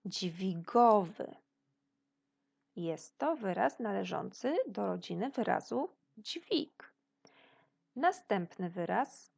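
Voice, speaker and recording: A Polish woman teacher giving a video lesson to young children, slow and patient, praising their answers as if they were present. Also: mid-range voice, big pitch swings, gravelly, darkish tone, husky. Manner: praises pupils' imagined answers. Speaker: primary school teacher.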